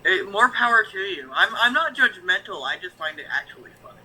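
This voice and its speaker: A man who reacts to shows on YouTube chats frankly as a guest on a stream, rambling with lots of fillers and restarts. His high-pitched voice swings widely in pitch and moves fairly quickly, over a loud crowd and poor audio.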